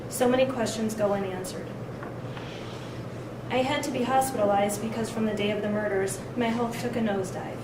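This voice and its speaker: A woman's voice: fairly high pitch, fairly even intonation, a little fast. Woman reading a statement, courtroom recording. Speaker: victim advocate. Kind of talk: reading a victim impact statement aloud. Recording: echoey courtroom, distant mic, noise.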